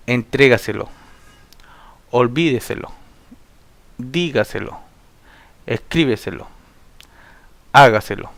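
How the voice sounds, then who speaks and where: A man walks through spelling rules like a classroom teacher. He reads steadily from his notes and drops into a slow, deliberate dictation for each example word. His voice is smooth and clear, recorded close and dry with no room sound. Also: mid-range voice, no room sound. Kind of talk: spelling lesson read from notes.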